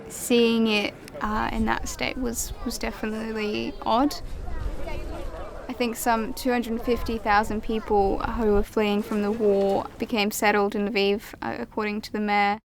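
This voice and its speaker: A young woman from Ukraine, a journalist, giving measured, reflective documentary narration. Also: a little high, creaky. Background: music.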